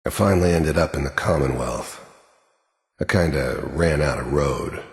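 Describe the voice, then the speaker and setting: With an extremely low, gruff male voice and an American accent, the actor plays a world-weary mercenary in a game's monologue and dialogue, talking at a normal speed. He sounds cold and reflective, menacing, cynical and hardened, his lines terse, sardonic and matter-of-fact, heard through hall-like echo.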